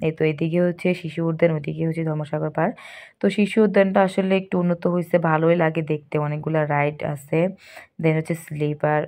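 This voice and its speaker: A young woman, hoarse from a cold, narrating a family vlog in a casual, rambling way with a constant filler word. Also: sits low, a little mellow. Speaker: mother and family vlogger.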